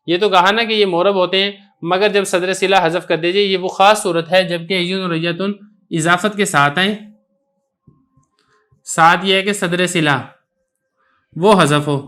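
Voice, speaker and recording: A man's voice: high-pitched, a bit bright. A man with an Urdu accent teaching Arabic grammar, explaining a text step by step and reciting Arabic examples.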